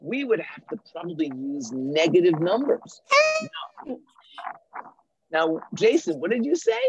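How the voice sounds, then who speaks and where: A math teacher patiently and deliberately explaining a puzzle to young children in an online class. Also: medium pitch, big pitch swings, lo-fi sound, heavy background noise.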